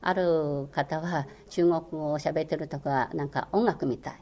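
A low, mellow female voice with fairly even intonation speaks at normal speed. It belongs to an older former radio language lecturer whose first language is Chinese, and she answers interview questions earnestly and encouragingly, using many hesitant fillers.

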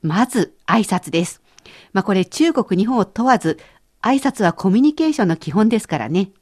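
A woman's voice: medium pitch, lively intonation, fairly quick, a little mellow. A woman co-hosting a scripted language lesson, explaining phrases in a conversational way. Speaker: language teacher co-host.

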